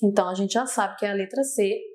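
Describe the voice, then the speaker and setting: A woman's voice: medium pitch, quick pace, a little mellow. A young adult woman with a Brazilian accent teaching a grammar lesson for exam prep, explaining step by step and often turning to her students. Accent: Brazilian Portuguese.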